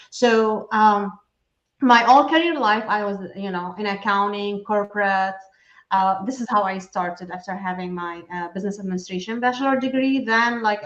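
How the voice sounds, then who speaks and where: A middle-aged woman from Syria talks through a video call, earnest and chatty, with plenty of fillers and restarts. Her voice sits in the middle range. The sound is roomy and a little muffled. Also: mid-range voice. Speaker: guest, enrolled agent for nonprofits. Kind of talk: casual interview talk.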